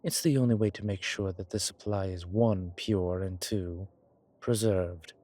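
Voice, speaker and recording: A low, dark-toned man plays a gracious vampire of many centuries in intimate audio roleplay, sounding fond as he explains. He speaks in a refined, measured way, pausing hesitantly and favoring formal, antiquated wording.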